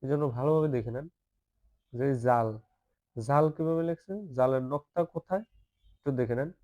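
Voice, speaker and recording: Male Arabic alphabet teacher, slow repetitive lesson delivery. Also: medium pitch, darkish tone. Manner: patient, repeats each letter several times, asks listeners to say it along.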